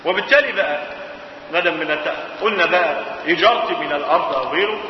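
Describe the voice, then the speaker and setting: High-voiced Egyptian professor lecturing in echoey hall. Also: male voice, fast. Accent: Egyptian Arabic. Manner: asks rhetorical questions and answers them himself. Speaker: Islamic jurisprudence professor. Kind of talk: colloquial classroom lecture. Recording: echoey hall, far mic, dull, hiss.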